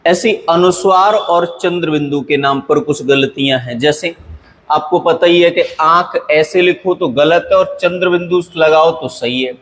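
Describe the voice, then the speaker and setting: Guy teacher drilling grammar words over and over, kinda high voice, reverby room. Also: measured pace, fairly bright tone, a little hiss or hum. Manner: drills word pairs, repeating each with checks like 'clear?'. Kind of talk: online exam-prep grammar lesson.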